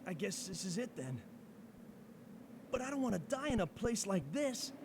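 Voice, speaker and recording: A man's voice: high-pitched, sing-song, normal speed, noisy background. An actor playing a determined young male mercenary in a survival horror game, with an earnest, urgent, dramatic delivery. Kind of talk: dramatic video game voice acting.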